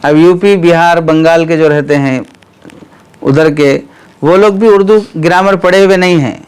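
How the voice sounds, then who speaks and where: A man teaching Arabic grammar, explaining step by step, asking students questions and often clearing his throat. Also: fairly high pitch, measured pace. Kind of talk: classroom lecture.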